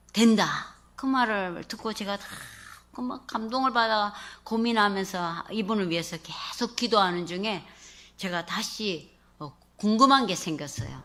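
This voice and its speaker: A woman pastor with a Gyeongsang accent preaching a storytelling sermon, acting out the quoted speech. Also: on the high side. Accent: Gyeongsang Korean. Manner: animated, acts out quoted speech.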